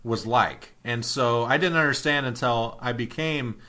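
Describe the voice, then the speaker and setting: A man's voice: medium pitch, measured pace, pushed and bright. A man co-hosting a podcast, chatting casually about a horror film and laughing often. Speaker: podcast co-host. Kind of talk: casual film review chat.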